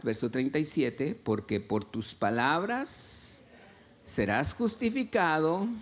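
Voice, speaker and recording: Male pastor, sermon, slightly high voice, unhurried. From Mexico. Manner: slow, lively preaching with questions to the congregation. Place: church.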